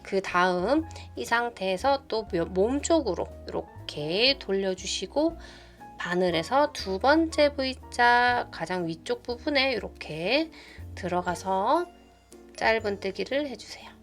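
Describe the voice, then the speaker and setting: A woman with a fairly high voice leads a step-by-step crochet lesson. She speaks patiently and gently, counting stitches out loud as she works. Soft music plays faintly behind her. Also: lively intonation, slow pace. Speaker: knitting tutorial host. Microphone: phone camera. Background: soft background music.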